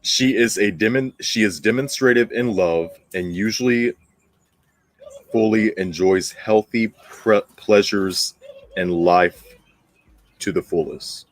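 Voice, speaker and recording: With no echo, a man whose voice sits on the low side speaks at a slow pace. Hosting his astrology commentary channel, he partly reads and partly ad-libs, emphatic and blunt, repeating phrases to underline his points.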